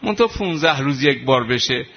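A man's voice: mid-range voice, expressive, gravelly, slightly rough, dull audio. A man preaching an impassioned mourning sermon, his voice breaking into weeping and wailing.

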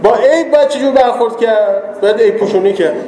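Guy giving a casual sermon, high warm voice, jokes then gets emphatic, roomy echoey hall. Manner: chatty and joking, rising to emphatic moralizing. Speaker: religious lecturer. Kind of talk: conversational sermon to a live audience. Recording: echoey hall with long reverb.

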